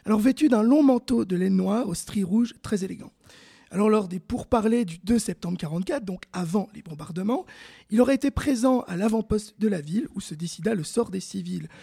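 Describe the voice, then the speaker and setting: A male presenter leads a mock documentary in a soft, mellow tone with a husky edge. He hesitates often and fills his pauses with fillers. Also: high voice.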